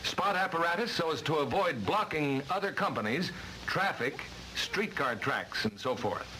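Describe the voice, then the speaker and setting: Bright-voiced American man, vintage 1950s-style film narrator. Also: fairly high pitch, expressive, normal speed. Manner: emphatic, formal, instructional delivery. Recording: noisy vintage training film soundtrack.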